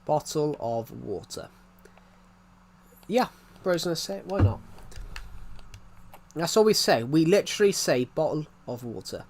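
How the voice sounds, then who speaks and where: Speaking unhurriedly with long pauses, this young man has a slightly high voice and lively intonation, plus a little hiss or hum in the recording. He's a UK game streamer from outside London with a thick regional accent, chatting casually on stream. Rambling and repetitive, he restarts many of his sentences.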